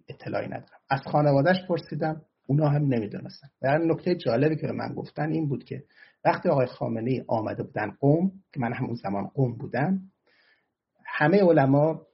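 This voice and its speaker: A man's voice: mid-range voice, vocal fry, breathy edge, dull audio. A man giving argumentative political commentary and answering audience questions, often turning heated and emphatic.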